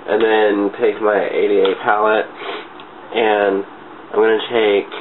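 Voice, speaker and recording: This makeup tutorial vlogger, a low-voiced man with a cold, speaks through a stuffy, congested nose in a casual, chatty way, giggly and rambling. His tone is level and his pace slow, captured on muffled, webcam-style, phone-like audio with clear noise.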